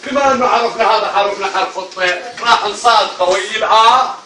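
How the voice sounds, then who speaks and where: A man with an Iraqi accent teaching a primary class, animated, drilling the children with repeated call-and-response questions and often calling out loudly. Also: sits high, fast talker. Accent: Iraqi Arabic. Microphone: camera at a distance. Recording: echoey classroom, mic far off, loud children and noise. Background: noisy children's chatter.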